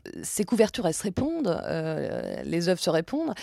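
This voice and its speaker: A woman's voice: fairly low pitch, wildly swooping pitch, normal speed, vocal fry, a little mellow, dry recording, studio quality. A woman interviewer asking casual, curious questions in a conversation.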